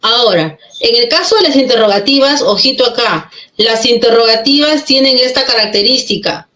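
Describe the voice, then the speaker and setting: A woman's voice: fairly high pitch, lively intonation, moderate pace, pushed and bright. Echoey-voiced woman teaching grammar. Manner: explains step by step, asks checking questions. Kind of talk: classroom grammar lesson. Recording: echoey room.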